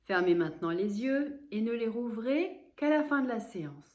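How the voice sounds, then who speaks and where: Her voice sits on the high side as she talks listeners through a yoga nidra session. The woman's instructions come calmly and deliberately, broken by pauses.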